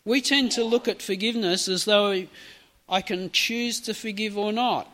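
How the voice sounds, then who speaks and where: High-voiced preacher telling a story. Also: male voice, moderate pace, sharp tone. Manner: storytelling preacher, conversational asides. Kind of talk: sermon.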